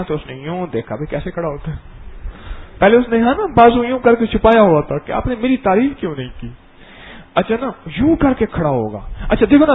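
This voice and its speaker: A middle-aged man giving a dawn religious lesson, telling stories and acting them out in an animated way. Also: on the high side, breathy edge, low-quality recording. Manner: animated, acts out scenes and voices. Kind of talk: storytelling sermon.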